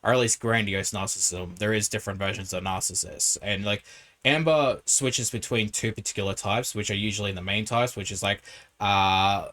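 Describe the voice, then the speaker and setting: A man with a fairly low voice comments casually as a reaction video host. He talks in a critical way, explaining his points at length. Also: moderate pace, a bit bright.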